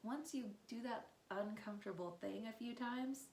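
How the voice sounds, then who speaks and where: A woman's voice: fairly high pitch, moderate pace, darkish tone. A woman co-hosting a casual podcast, reflective and encouraging. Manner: reflective, encouraging, asks pointed questions. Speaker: podcast co-host. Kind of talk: casual chat. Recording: echoey room with faint hiss.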